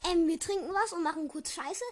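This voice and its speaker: A woman's voice: extremely high pitch, a little fast. A woman casually reading a book aloud, often tripping over words and correcting herself. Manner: stumbling, self-correcting.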